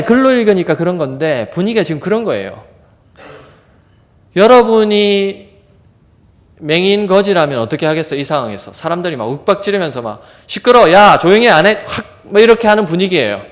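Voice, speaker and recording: A man delivers a revival sermon in a church sanctuary, his voice pitched high and swinging widely up and down. He acts out the shouting of crowd figures as he goes. The sound carries a long reverb from the hall. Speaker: preacher.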